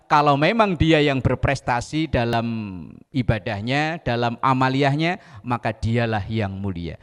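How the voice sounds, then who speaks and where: A man's voice: medium pitch, long reverb tail. A man with an Indonesian accent, a preacher who quotes Arabic verses and explains them with small jokes on a religious TV talk show. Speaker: Islamic preacher. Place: TV studio.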